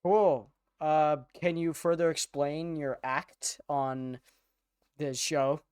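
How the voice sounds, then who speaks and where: A man streaming live, asking questions in a deadpan interviewer tone. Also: fairly high pitch, takes it slowly, smooth, no room sound, clean studio sound.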